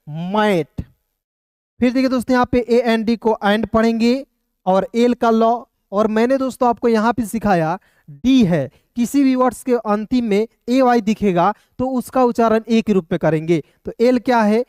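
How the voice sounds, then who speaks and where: Patient man spelling words out slowly. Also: high-pitched, a little mellow, no echo, studio quality. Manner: spells words out letter by letter, then asks and answers his own question; patient, repetitive, often says "clear" and "friends". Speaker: English teacher. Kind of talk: step-by-step spelling and pronunciation lesson.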